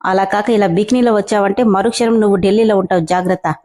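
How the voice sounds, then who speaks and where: A woman's voice: mid-range voice, steady tone, quick pace, dark tone, natural voice. A woman voicing a stern young man, a company boss, with clipped scolding commands in a story reading.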